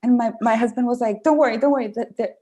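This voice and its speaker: A woman's voice: on the high side, rapid-fire. A woman from Venezuela as a guest in a casual chat, telling stories and acting out what people said. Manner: animated storyteller, acts out quotes.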